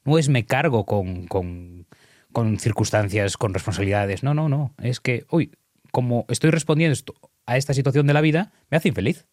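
A man's voice: medium pitch, moderate pace, a little mellow, dry recording, clean studio sound. A man, explaining ideas and guiding an exercise in earnest, emphatic conversation.

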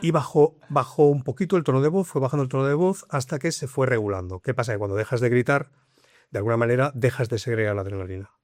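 A man's voice: mid-range voice, fast, no echo, clean studio sound. Middle-aged man telling a police story. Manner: animated, acts out dialogue in his tale. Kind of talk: conversational storytelling.

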